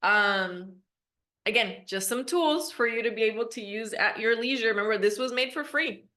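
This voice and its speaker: A woman's voice: on the high side, moderate pace, sharp tone. A woman teaches an online class in an informal, upbeat, chatty way. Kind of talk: casual live software demo. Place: online video class with screen share.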